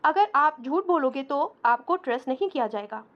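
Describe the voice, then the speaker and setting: A woman teaching an English grammar lesson, patiently explaining step by step and reading out slow English example sentences. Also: high voice, lively intonation, dull audio, a little hiss or hum.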